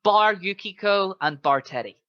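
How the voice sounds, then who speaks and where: A man co-hosting a casual chat about video games, retelling things in an animated way and acting out quotes. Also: high-pitched, moderate pace, clean tone, dry recording. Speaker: podcast co-host. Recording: dull, muffled lo-fi sound.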